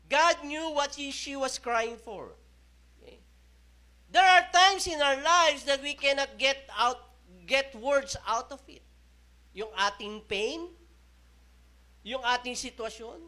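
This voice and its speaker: A man's voice: very high voice, bright, forceful tone. A man with a Filipino accent preaching a sermon, mixing Tagalog and English and often checking in with "okay?". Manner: slow, emphatic preaching with rising and falling intensity. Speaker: pastor.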